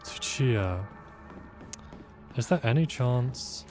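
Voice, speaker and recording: With soft music in the background, a gameplay streamer reasons through a puzzle in a medium-pitched, animated, slightly mellow voice, speaking very slowly. His casual let's-play talk is drowsy and self-deprecating.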